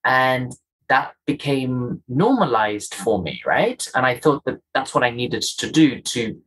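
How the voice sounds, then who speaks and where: A Kenyan man with a faint, polished accent speaks as an interview guest, reflecting earnestly and emphatically on his own experience and repeating key phrases. His mid-range voice is sing-song, unhurried, fairly bright and slightly rough, in a low-quality recording.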